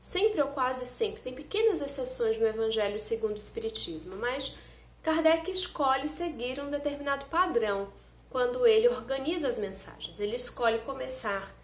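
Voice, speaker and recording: A young woman gives an earnest spiritist talk straight to her viewers, her voice sitting a little high. She is recorded close on a phone in a room at home, with a noticeable roomy echo around her words. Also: animated, moderate pace. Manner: earnest, explanatory, speaks directly to viewers. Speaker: spiritist lecturer. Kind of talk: online spiritist lecture. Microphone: phone camera close up.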